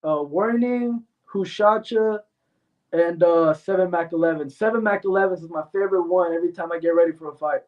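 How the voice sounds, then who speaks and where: Speaking fairly quickly in a high voice, this male MMA fighter from Mexico gives blunt, confident interview answers sprinkled with fillers. The sound is distant and thin, like a phone.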